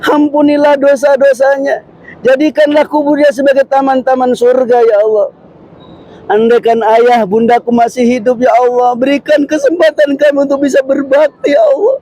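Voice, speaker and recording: High-pitched man pleading in prayer. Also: moderate pace, warm tone, poor audio. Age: adult, a father and husband. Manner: chanted Arabic prayer, then tearful pleading refrains in Indonesian. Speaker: ustadz leading pilgrims in prayer. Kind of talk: impassioned supplication. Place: large mosque courtyard, in public.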